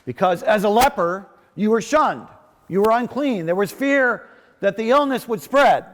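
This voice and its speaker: A man delivering a sermon as a preacher, in a measured, pausing manner with hesitant restarts. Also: high-pitched, expressive. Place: large reverberant worship space. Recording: long reverb of a large hall.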